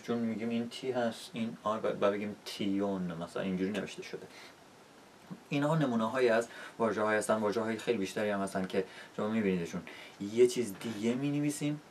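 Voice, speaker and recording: A man's voice: fairly low pitch, far from the mic, a little hiss or hum. A man teaching an English lesson in a casual, explanatory way, often checking in with rhetorical questions.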